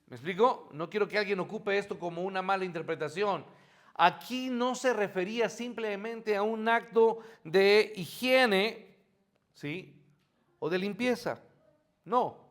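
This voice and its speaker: At a morning church service, a man preaches a sermon in a conversational teaching style, often posing questions to the congregation and answering them himself, with homely asides. His voice is high-pitched and a bit bright, at a measured pace.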